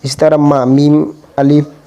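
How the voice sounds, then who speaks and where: Slow, flat-voiced man teaching letters. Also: on the high side, clean tone. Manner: patient, repeats letters and syllables one by one. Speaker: Urdu reading teacher. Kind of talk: slow spelled-out reading lesson.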